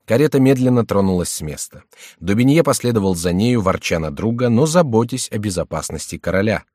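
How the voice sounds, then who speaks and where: A man narrates a novel in a measured, even manner. His voice sits fairly low. The recording is dry and close, with no room sound. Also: dry recording. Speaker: audiobook narrator.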